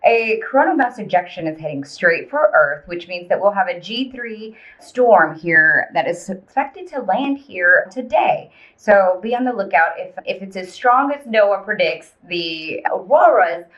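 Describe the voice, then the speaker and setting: A woman's voice: mid-range voice, animated, measured pace, hardly any pauses, a bit bright. Upbeat woman co-host reading segments. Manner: upbeat, chatty delivery. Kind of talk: reading news segments and intros. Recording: dull, lo-fi audio.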